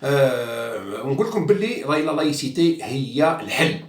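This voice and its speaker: A man's voice: mid-range voice, animated, a little fast, far from the mic. A man with an Algerian Arabic accent gives an outspoken, mocking monologue as a journalist commentator, slipping into French and stumbling through restarts. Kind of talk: casual monologue. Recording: echoey room, away from the mic.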